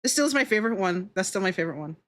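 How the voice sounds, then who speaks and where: Animated and rapid-fire, a woman with a medium-pitched, fairly bright voice chats with viewers while drawing on her livestream. The VTuber is teasing and giggly and swears freely.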